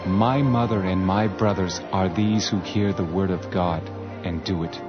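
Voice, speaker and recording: A man playing a calm, authoritative teacher and healer, speaking in a measured, solemn way in a radio drama. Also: low-pitched. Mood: solemn teaching. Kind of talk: radio drama scripture reading. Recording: dull lo-fi audio with music behind.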